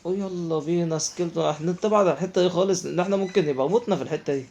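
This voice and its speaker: A man's voice: a little high, rapid-fire, darkish tone. A man with an Egyptian Arabic accent giving chatty let's play commentary, talking to himself and his viewers as he plays. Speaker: gaming YouTuber.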